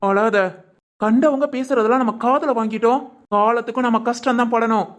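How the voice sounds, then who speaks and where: A performer voicing a protective young male hero with a southern Tamil Nadu accent in an animated family drama, scolding firmly. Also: medium pitch, brisk, natural voice. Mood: reassuring. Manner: firm, scolding, then gentle and reassuring.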